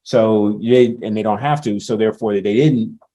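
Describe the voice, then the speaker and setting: A man's voice: fairly low pitch, moderate pace, warm tone. A man on a conference panel answering audience questions, laying out points one by one with frequent fillers. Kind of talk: panel discussion.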